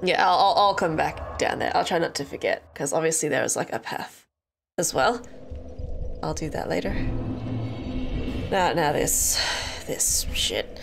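A woman with a low, gravelly voice speaks unhurriedly and pauses often, with music playing behind her. She hosts a gaming channel and gives let's-play commentary while congested from a cold, her voice stuffy. Chatty and casual, she talks to the enemies on screen and laughs often.

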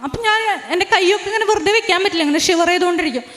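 Very high-voiced young woman, reverberant room. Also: fairly bright tone. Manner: earnest, halting storytelling with restarts. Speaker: testifying believer. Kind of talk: personal religious testimony.

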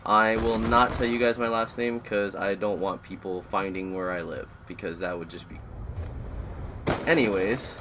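A man's voice: lowish voice, fairly even intonation, normal speed, noisy background. A man in his twenties from Florida, chatting through live gameplay commentary and rambling as the match keeps pulling his attention. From Florida, USA. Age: 20s. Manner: rambling, easily distracted by the match. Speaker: gaming YouTuber.

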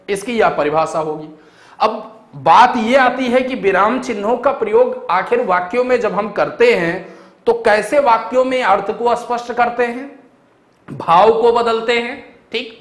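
A young man teaching a grammar lesson for exam preparation, explaining step by step and often checking that his students follow. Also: high-pitched. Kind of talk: exam-prep grammar lecture. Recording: echoey room.

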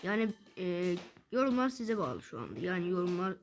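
A woman giving excited live gameplay commentary as a gaming video creator. She gets frustrated quickly and fires off repeated words in bursts. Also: on the low side.

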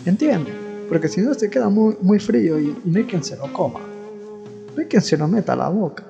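Gravelly man ranting in a reverberant hall. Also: sits high, animated, normal speed. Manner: rambling, exasperated, stammering restarts. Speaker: comedian. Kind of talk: absurd comic monologue. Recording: dull sound in a long-reverb room with soft guitar.

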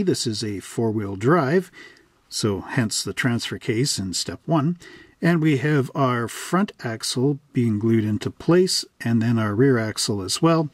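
The recording is dry and studio quality, capturing a middle-aged man's medium-pitched voice. He hosts a model kit channel from western Canada, chatting casually and folksily through an unboxing and instruction walkthrough.

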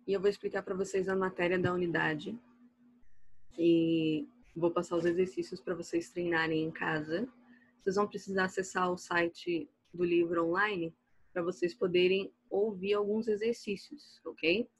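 A Brazilian woman teaching a recorded online English class, explaining slides patiently, slow and clear, checking "ok?" after each point. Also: fairly low pitch, steady tone, rough recording. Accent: Brazilian Portuguese.

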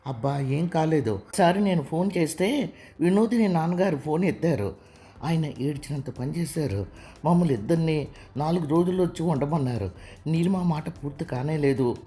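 A woman voicing a blunt, brisk young woman friend in a narrated story. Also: low voice, expressive, dark tone.

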